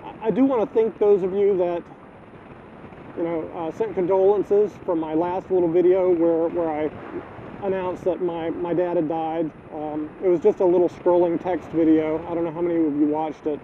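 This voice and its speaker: Grieving middle-aged man, high voice, halting speech, tinny phone-like audio. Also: fairly even intonation. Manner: halting, repeats words, grieving. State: choked up. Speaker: vlogger. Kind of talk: personal video diary. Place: outdoors, filming the neighborhood. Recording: tinny phone-like audio, faint wind noise.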